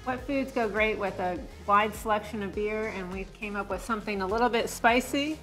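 A friendly, chatty woman in her forties, sitting in a restaurant booth and describing her menu and business. Her voice is mid-pitched and conversational, and soft music plays faintly underneath. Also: brisk, poor audio. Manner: friendly, chatty, laughs easily. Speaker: restaurant owner. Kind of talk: casual interview. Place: brick-walled restaurant booth, indoors. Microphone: lapel mic.

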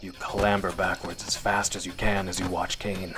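A man narrates a scripted horror story in a dramatic, suspenseful radio-drama style, with music and other background noise. His voice is low and level at a moderate pace.

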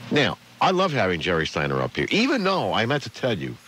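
Wry older man, lively radio co-host. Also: on the low side, brisk, slight background noise. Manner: wry, joking. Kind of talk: casual radio chat. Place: radio studio.

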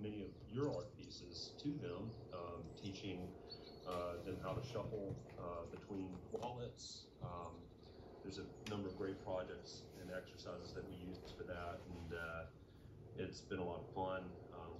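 A man speaking casually on a community call, hesitant, with many fillers and restarts. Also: sits low. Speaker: community member giving an update. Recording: echoey, muffled, noisy call audio.

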